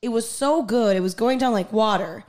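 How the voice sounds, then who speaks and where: Her voice is a little high and a little mellow, moving at normal speed, as this woman co-hosts a podcast with casual chat and storytelling. She swears freely and mixes Spanish and English mid-sentence.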